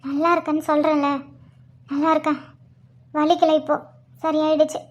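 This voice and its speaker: A woman voicing a gentle young pregnant wife in a cartoon, speaking softly and reassuringly. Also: sits high, monotone, racing, highs cut off, pitched below the performer's own voice, close to an everyday voice. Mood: weary. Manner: soft, quiet, reassuring. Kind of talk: cartoon voice acting.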